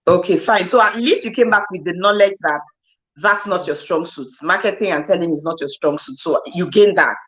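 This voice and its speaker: A woman hosting an informal interview, with a fairly low voice and a dull, lo-fi recording. She recaps what her guest says and moves the talk on with questions. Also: a little fast, fairly bright tone. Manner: summarizes and prompts the guest with questions. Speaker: host. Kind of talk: casual interview chat. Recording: dull lo-fi sound.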